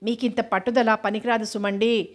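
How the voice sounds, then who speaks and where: A woman reading the lines of a shy, affectionate young wife in a storybook, bashful and gently scolding. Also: a little high, level tone, normal speed, lightly acted.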